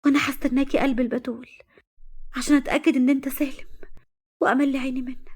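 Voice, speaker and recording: A woman voicing an anxious young woman in love with an Egyptian accent, high and breathless. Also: little pitch movement, rapid-fire, a little mellow, close to an everyday voice. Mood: soft.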